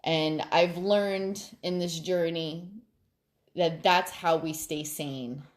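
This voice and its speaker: Chatty low-voiced woman venting at night. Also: slow pace. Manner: chatty, laughs often, calm reflective advice. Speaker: vlogger. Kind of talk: casual late-night vent to viewers.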